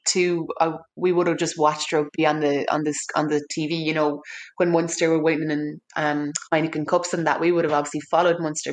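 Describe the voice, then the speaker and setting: Low-voiced Irish woman with a flat tone. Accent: Irish, West Clare. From West Clare, Ireland. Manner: chatty, rambling with fillers. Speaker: rugby player guest. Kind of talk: casual interview chat.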